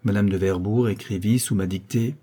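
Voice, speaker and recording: A man narrating a classic novel aloud, measured and expressive. His voice sits low and dark, with a slightly husky grain. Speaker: audiobook reader.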